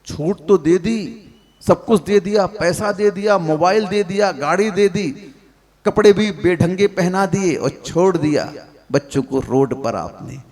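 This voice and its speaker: A man's voice: high-pitched, unhurried, darkish tone, big-room sound. A man preaching a sermon to a gathered audience, scolding them with rhetorical questions. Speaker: Jain monk preacher.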